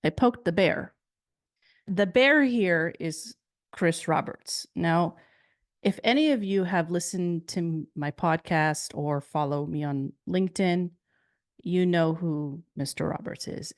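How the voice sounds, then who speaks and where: A woman giving a conference keynote on marketing, telling a story in an animated way with rhetorical questions. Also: lowish voice, no echo, studio quality. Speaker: marketing speaker.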